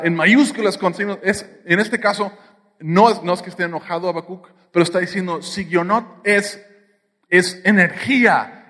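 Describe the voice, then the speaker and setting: A man's voice: sits high, fairly bright tone, long reverb tail. A man with a Mexican accent preaching a sermon, with playful jokes and asides to the congregation. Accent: Mexican Spanish. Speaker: pastor.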